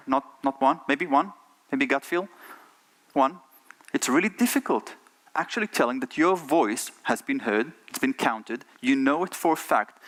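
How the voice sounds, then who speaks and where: Giving an earnest keynote on a conference stage, this middle-aged Israeli conference speaker uses a mid-range, slightly bright voice with an Israeli accent. He keeps putting rhetorical questions to the audience.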